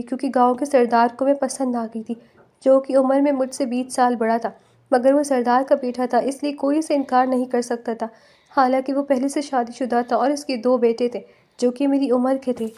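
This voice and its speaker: A woman's voice: sits high, flat delivery, warm tone, natural voice. A woman voicing a grieving, pleading mother. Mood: remorseful. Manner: tearful, pleading. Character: grieving, desperate middle-aged mother.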